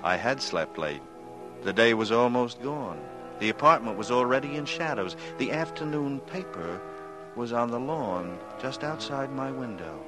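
An actor playing a brooding killer who narrates his own story in a 1940s radio drama, in a low, measured, menacing way. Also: animated, music in the background, close to an everyday voice.

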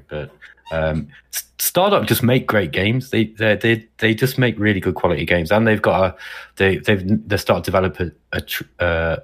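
Husky low man on a podcast. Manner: hesitant, many ums and repeats. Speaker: podcast co-host. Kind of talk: casual chat.

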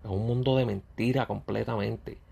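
A man, a YouTuber talking bluntly and confrontationally straight at his critics in a ranting monologue, with a gravelly, husky voice. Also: on the low side, steady tone, moderate pace, dark tone, a little hiss or hum.

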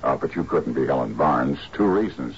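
A muffled drama soundtrack with some noise carries a shrewd private detective. His voice is very deep, and he lays out his case drily, with deliberate sarcasm. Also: animated. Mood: dry, accusing. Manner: dry, deliberate, sardonic. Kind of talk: screen drama acting.

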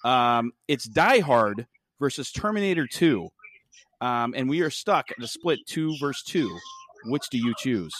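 A man's voice: mid-range voice, animated, a little slow, a bit bright, no room sound. A man co-hosting a casual podcast, loose and profane, laughing often. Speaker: podcast co-host.

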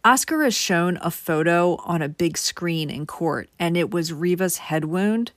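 A woman's voice: lowish voice, expressive, measured pace, no room sound, studio quality. A woman host narrating a true crime case in a casual, conversational way, talking straight to her viewers. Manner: conversational, addresses viewers directly.

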